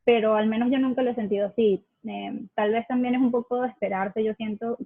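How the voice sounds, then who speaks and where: A young woman talks in a casual, thoughtful way, pausing often as she looks for the right words. Her voice is slightly breathy and sits a bit high. It comes through a thin, tinny video call with a dry, close sound. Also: fairly even intonation, no echo. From Venezuela. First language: Spanish. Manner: thoughtful, hesitant, searching for words. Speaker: guest sharing immigrant experience.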